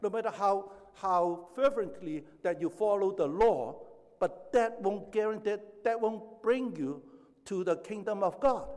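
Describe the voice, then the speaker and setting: A man's voice: high-pitched, darkish tone. A man in his seventies from Hong Kong, preaching a sermon as pastor, with emphatic rising stretches and chatty personal asides. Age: 70s. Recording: echoey hall with long reverb.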